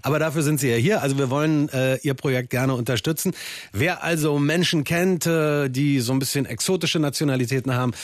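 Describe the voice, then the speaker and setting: A man's voice: mid-range voice, brisk, no room sound, studio quality. Upbeat male radio morning host. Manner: upbeat, enthusiastic. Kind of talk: live radio interview. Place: radio studio. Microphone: studio microphone.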